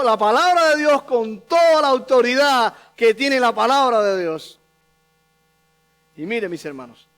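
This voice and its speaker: High-voiced man preaching a sermon. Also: fairly bright tone. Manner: emphatic, repeating key phrases for stress. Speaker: pastor.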